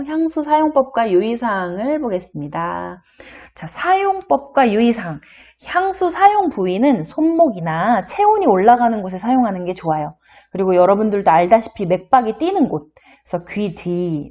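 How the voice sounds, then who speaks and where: A middle-aged woman teaching a recorded class. Her pitch swings widely as she talks, and she keeps turning to the students with questions in a chatty, friendly manner. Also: a little mellow. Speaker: university lecturer. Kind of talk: recorded online lecture.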